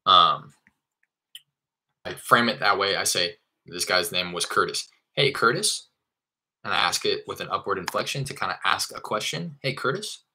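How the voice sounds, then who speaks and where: Low husky guy walking thru his calls live, loose and chatty, swears a bit. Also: moderate pace, bright, forceful tone. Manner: casual, loose explaining with fillers and the odd curse. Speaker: real estate wholesaler teaching cold calling. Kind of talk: live screen-share tutorial.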